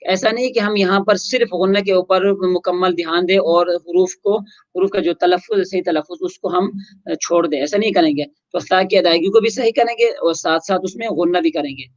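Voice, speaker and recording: Recitation teacher doing slow syllable drills then rushing through the rules, dry close sound, bit lo-fi. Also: medium pitch, no room sound. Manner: chants drill syllables slowly, explains in quick asides. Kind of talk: tajweed lesson drilling syllables. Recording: dull lo-fi recording.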